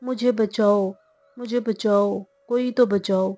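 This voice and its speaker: A woman voicing a stingy, haughty male merchant who talks loudly and indignantly in a told folk tale. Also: mid-range voice, fairly even intonation, slow, lightly acted. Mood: haughty, pleading. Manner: loud, indignant, pleading.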